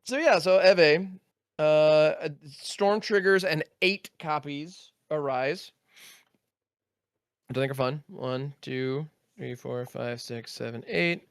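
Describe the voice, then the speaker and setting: A man talking through his turn at a card game, counting out loud and dropping little sound-effect words as he plays. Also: a little high, takes it slowly, creaky, clear, resonant tone, no room sound, clean studio sound. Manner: methodical, counts aloud, sound-effect interjections. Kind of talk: casual play-by-play of his own turn.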